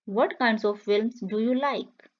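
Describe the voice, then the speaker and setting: A woman's voice: a little high, lo-fi sound. Woman reading practice phrases twice. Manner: says each line twice, clear and measured. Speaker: English teacher. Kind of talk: slow repeated phrase reading for learners.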